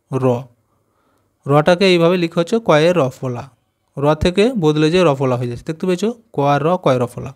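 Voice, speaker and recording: A man gives a textbook lesson for young children, his voice sitting a little high. He spells out letters patiently and keeps checking that the class follows. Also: a little mellow. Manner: slow, spelling out letters and asking "got it?". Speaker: primary school teacher. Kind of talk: textbook lesson explaining Bengali conjunct letters.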